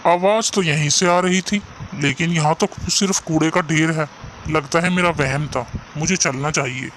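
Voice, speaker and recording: In a cartoon story, a man voices a poor young junk seller who is earnest and caring, sometimes despairing. His voice is a little high and fairly bright, at a moderate pace and close to an everyday voice, with slight background noise.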